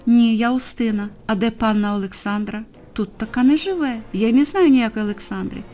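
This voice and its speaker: A woman's voice: a little high, a little fast, dark tone, faint music behind, close to an everyday voice. A woman voicing a frightened young actress who pleads and protests on behalf of her friend in a storybook reading. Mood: defensive. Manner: pleading, alarmed.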